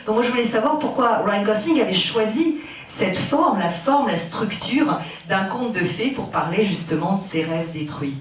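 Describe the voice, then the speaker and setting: A woman's voice: medium pitch, expressive, normal speed, a little hiss or hum. A woman interpreting and asking interview questions, hesitant and filler-heavy, recorded from far off in a very echoey room. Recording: very echoey, distant mic.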